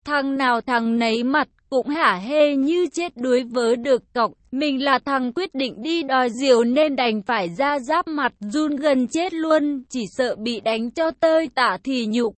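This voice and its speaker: A woman narrating a first-person story in a lively, colloquial way. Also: high voice, a little slow, hardly any pauses, no echo.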